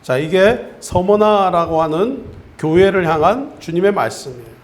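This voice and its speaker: In an echoey church sanctuary, a male pastor delivers his Sunday sermon as a story, leading the congregation in call-and-response. He speaks at a moderate pace in a high, expressive voice.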